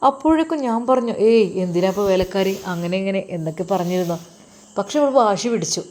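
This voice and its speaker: A woman's voice: medium pitch, fast talker, a little mellow, lightly acted. A woman voicing a scheming young husband who talks with a swaggering, teasing tone. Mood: smug.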